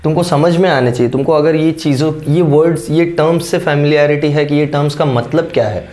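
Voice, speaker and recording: A man with a sore, slightly hoarse throat gives a physics lecture, walking through each step and pausing to check that his students are following. His voice sits a little high but sounds mellow and soft. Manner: explains step by step, keeps checking understanding with "correct?". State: sore throat, clearing it now and then. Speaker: physics teacher. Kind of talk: classroom-style lecture, Hindi mixed with English terms.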